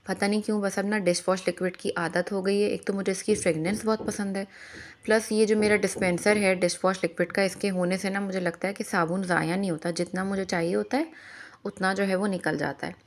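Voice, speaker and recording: Chatty homemaker woman, lowish voice. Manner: chatty, advising, mixes English phrases into Hindi. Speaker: homemaker vlogger. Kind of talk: voice-over narration of home chores.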